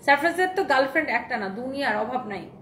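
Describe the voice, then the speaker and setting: A woman's voice: high-pitched, animated, fast talker, a bit bright. A woman hosting a live clothing sales stream, showing dresses, reading out and thanking viewers' comments, and dropping English phrases into her talk. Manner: mixes English phrases into speech. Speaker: online clothing seller. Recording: echoey room with faint noise.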